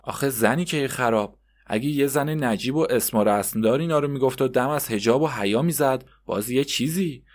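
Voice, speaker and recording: A man's voice: medium pitch, natural voice. A man voicing a defiant, mocking woman. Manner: slow, mocking, cutting. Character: sharp-tongued woman, defiant and cutting.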